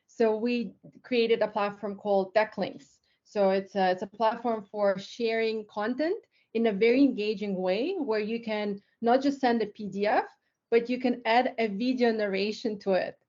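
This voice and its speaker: A fairly high-voiced woman from Lithuania presents her tech company in a relaxed webinar, talking chattily with frequent fillers and restarts. The sound comes over a video call and is a little dull. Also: moderate pace. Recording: slightly dull online call audio.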